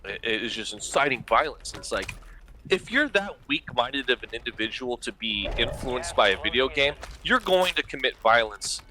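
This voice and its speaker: A man with a mid-pitched, lively voice argues emphatically and profanely with a friend while they play. Clear gunfire and game sounds run behind him. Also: moderate pace. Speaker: gaming friend. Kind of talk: casual gaming chat. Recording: noisy game audio behind.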